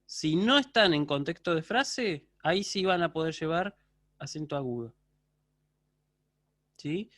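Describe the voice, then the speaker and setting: A man's voice: fairly high pitch, expressive, unhurried, long pauses, a bit bright, no room sound, studio quality. A man teaching a university Greek class over a video call, patiently checking in with his students. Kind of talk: online lecture.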